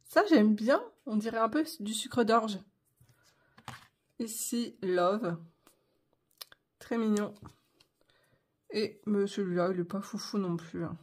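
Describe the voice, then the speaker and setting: A middle-aged woman from France talks through her coloring and craft projects in a relaxed, rambling vlog style. She fills her sentences with hesitations and restarts. Her words run together at times, as if she swallows her syllables. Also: medium pitch, slow, pauses often. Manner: chatty, rambling, swallows syllables, many fillers. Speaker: craft vlogger. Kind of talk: casual vlog chat.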